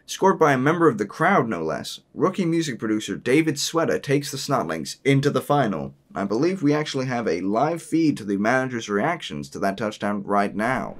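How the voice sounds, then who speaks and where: A man's voice: medium pitch, close to an everyday voice. A man voicing a prim sports interviewer and commentator, formal and politely exasperated. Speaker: host.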